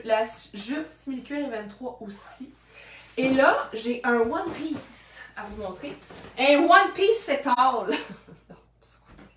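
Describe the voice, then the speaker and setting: A Québécois French woman with a fairly high voice tries on secondhand clothes for her vlog, chatting playfully and joking to herself. The camera sits at a distance, so her voice sounds off-mic with a roomy echo and a slight hiss or hum.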